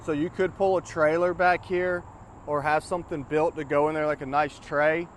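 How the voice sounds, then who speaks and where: A man's voice: fairly high pitch, fairly even intonation, moderate pace. A man chatting casually and informally as a scooter dealer, explaining a product to a customer. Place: outdoors. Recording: outdoor ambient noise.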